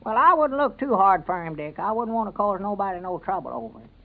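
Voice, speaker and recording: An actor playing a sheepish, bumbling country husband, high-voiced and hesitant, with a rural Southern American accent in a radio comedy. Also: male voice, very animated, fast. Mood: sheepish, evasive. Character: sheepish, evasive country husband and bumbling small-town constable. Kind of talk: old-time radio comedy serial acting. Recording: narrow, tinny vintage radio recording.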